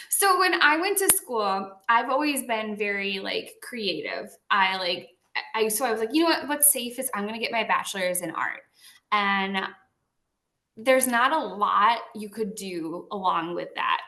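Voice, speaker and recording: A woman in her thirties hosting a casual interview, enthusiastic and encouraging toward her guest. Her voice is bright and forward. The room adds a noticeable echo. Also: medium pitch. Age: 30s. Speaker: podcast host. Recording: roomy echo.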